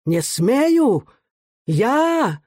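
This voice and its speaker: A man reading aloud voices a shrill, bullying middle-aged police officer in a squealing, sneering voice. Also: very animated, drawn-out words, a bit bright, husky, dry recording, clean studio sound, exaggerated voice. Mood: outraged.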